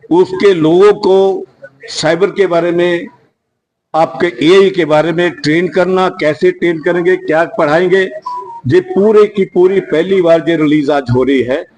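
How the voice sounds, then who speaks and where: A man with a fairly high pitch speaks as the head of an industry association. He talks unscripted to the press, earnest and rambling, and he keeps circling back to restart his sentences. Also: a little mellow, low-quality recording. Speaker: security industry association leader. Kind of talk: unscripted media statement.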